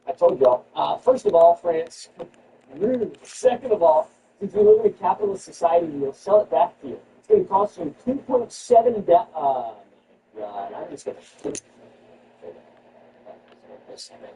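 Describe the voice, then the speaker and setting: A man hosting a comedy show, riffing sarcastically on news items and jumping into high mock-outraged squeals. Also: very animated, normal speed, gravelly. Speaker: comedy podcast host. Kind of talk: comedic news riff with retakes. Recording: distant mic with background noise.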